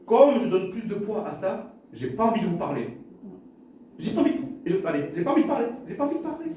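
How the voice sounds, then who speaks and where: Lively stammering pastor in an echoey hall. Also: male voice, sits high, quick pace, distant mic, slight background noise. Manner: lively preaching, repeats phrases, stammers at times. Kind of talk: sermon.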